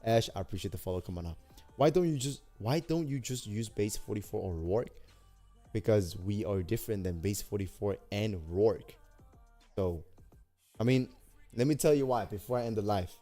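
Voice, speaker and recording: A fairly low, warm male voice at normal speed comes from a young Danish livestreamer demoing an app builder, faint music behind. Energetic and slangy, he speaks to his chat and repeats himself often.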